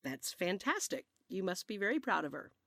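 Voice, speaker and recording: A woman's voice: on the low side, big pitch swings, moderate pace, creaky, a bit bright, dry recording, clean studio sound, exaggerated voice. A woman voicing a polite, friendly young woman traveling alone.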